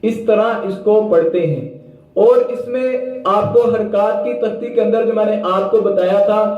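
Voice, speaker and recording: A man teaching Quran reading, slowly spelling out syllables and chanting them in drawn-out tones between plain explanations. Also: sits high, very echoey, muffled recording. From Pakistan. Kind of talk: slow spelled-out recitation lesson.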